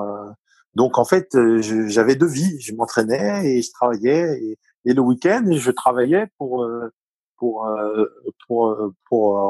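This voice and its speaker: A middle-aged man with a Parisian accent, a former top-level athlete, tells his story as a guest in a conversational interview. His medium-pitched voice is a little mellow and husky, and he hesitates with many fillers and restarts. The recording is dry and low in quality.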